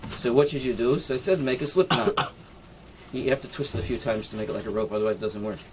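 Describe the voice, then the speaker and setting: A rabbi talks a small class through an informal lesson, showing knots with his hands as he explains each step. He keeps checking in with "right?" and drops Hebrew and Yiddish terms into his English. There is a faint hiss behind his middle-pitched voice. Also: fast talker. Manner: demonstrates knots with his hands while talking. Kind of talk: informal halacha lesson with demonstration.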